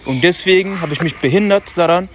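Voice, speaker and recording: Man, podcast host, slightly high voice, casual pep talk spoken loudly on a street, slangy asides, faint traffic hiss. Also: a little fast. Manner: loose and self-talking, slangy asides; speaks loudly on purpose. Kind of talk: casual motivational monologue. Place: outdoors on a city street.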